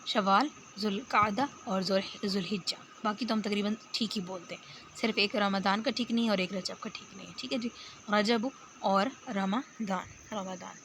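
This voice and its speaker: A woman teacher giving a spoken lesson, patient, explaining step by step and repeating words slowly. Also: medium pitch, fairly bright tone, a little hiss or hum. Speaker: Arabic teacher. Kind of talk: spoken lecture.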